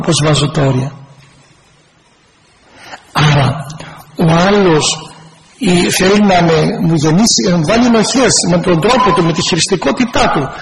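Male parish priest, earnest pastoral talk, gravelly, faint hiss under a big hall reverb. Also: high voice. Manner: earnest, pastoral, acts out sample replies. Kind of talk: church talk to a congregation.

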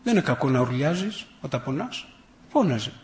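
A man's voice: medium pitch, big pitch swings, echoey room. A priest giving a sermon. He builds emphatic rhetorical lists and mixes in folksy personal anecdotes with self-irony.

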